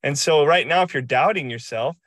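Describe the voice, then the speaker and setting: A man's voice: fairly high pitch, a little fast, a bit bright, no room sound. A man hosting a podcast over a video call, talking in a hyped, emphatic and slangy way. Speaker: podcast host. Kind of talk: energetic casual chat.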